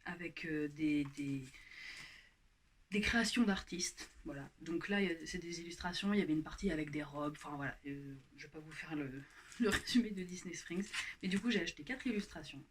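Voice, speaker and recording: A woman's voice: sits low, a little hiss or hum. A young woman chatting casually through a haul vlog, with many fillers and restarts. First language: French. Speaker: YouTuber showing her haul.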